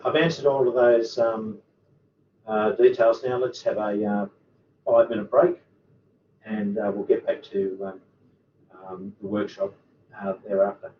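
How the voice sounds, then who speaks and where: A man's voice: fairly low pitch, steady tone. A man, a university lecturer answering student questions in an online workshop, full of ums and uhs. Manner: halting, many ums and uhs. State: hiccups. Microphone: computer microphone on a video call. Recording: roomy, distant, dull, faint hiss.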